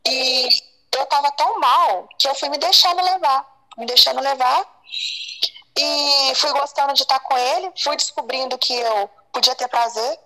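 A woman's voice: sits high, moderate pace, pushed and bright, low-quality recording. A woman, telling a personal story as an interview guest, repeating phrases and acting out other people's words. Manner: repeats phrases, acts out quoted dialogue. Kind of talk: emotional personal confession.

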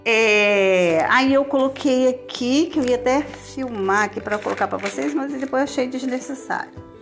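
A Brazilian teacher with a Brazilian Portuguese accent walks her students through a lesson step by step in a casual recording, chatting and checking in with them often. Her voice is high, her pace normal, and faint music plays in the background.

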